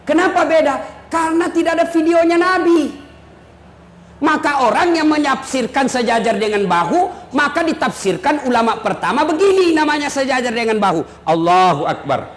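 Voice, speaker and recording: Male preacher with a very high voice, joking and punchy; live sermon in an echoey hall. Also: expressive, normal speed. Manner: joking, emphatic, often shouting. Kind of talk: humorous sermon. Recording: echoey hall, faint noise.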